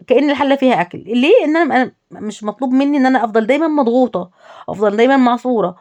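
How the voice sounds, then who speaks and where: A fast-talking Egyptian woman with a slightly high voice chats straight to women viewers about running a home. She gives casual advice and stacks her points in quick repeated lists. Her accent is plain Egyptian Arabic. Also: a little mellow. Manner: talks directly to the listener, listing and repeating points. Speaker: home lifestyle vlogger.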